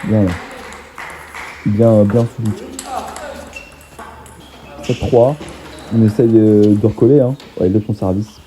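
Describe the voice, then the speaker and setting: A young man talking over his own table tennis match, excitable and self-mocking. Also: fairly low pitch, slow pace, long pauses, background noise. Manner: excitable, self-mocking, laughs often, swears casually. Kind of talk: casual match commentary voice-over.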